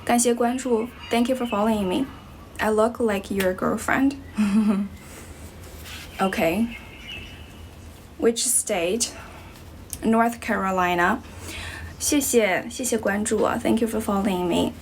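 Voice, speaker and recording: With slow delivery and long pauses, a young woman from Guizhou, China, chats with viewers during her English-teaching livestream. Her mid-range voice has a Chinese accent with a slight American tinge, her manner is relaxed and full of fillers like "you know" and "um," and a little hiss or hum sits underneath.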